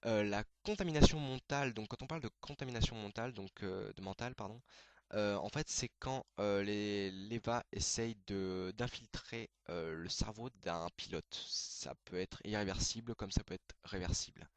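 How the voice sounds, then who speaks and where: A man hosting a casual anime video, explaining terms in a hesitant way, full of fillers and quick self-corrections. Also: lowish voice, clear, resonant tone, no room sound.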